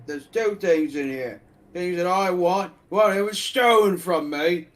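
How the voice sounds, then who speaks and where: A man's voice: high-pitched, unhurried. A man bantering casually in character as a player in a tabletop game.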